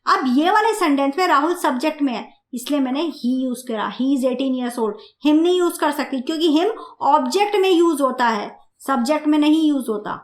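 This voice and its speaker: Lady teacher with a high voice going over grammar slowly, asks questions, echoey room. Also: lively intonation. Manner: slow, repeats and asks the class questions. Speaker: German language teacher. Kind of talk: grammar lesson explained in Hindi.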